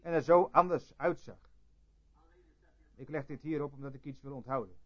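A man preaching a sermon and telling a story, swinging between loud outbursts and hushed asides. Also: mid-range voice, normal speed. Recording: dull lo-fi tape recording.

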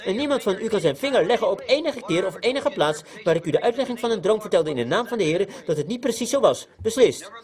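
Earnest high-voiced preacher. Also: male voice, a little mellow. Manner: earnest, repetitive emphasis, voice rising on key points. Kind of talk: sermon with storytelling.

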